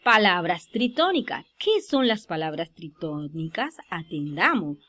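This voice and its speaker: A woman's voice: on the low side, sing-song, fairly bright tone. Woman teaching rules. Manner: slow, deliberate stress on example words. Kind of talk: spoken grammar lesson over slides.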